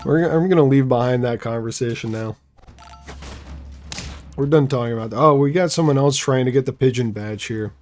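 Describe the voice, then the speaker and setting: Young man, game streamer, casual chatter, wry sarcastic asides, mid-pitched voice. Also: a little fast, a little mellow, slight background noise.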